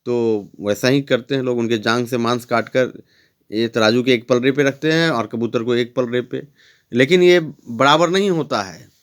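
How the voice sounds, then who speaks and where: A man teaching a story lesson, explaining each line step by step with drawn-out fillers. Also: mid-range voice.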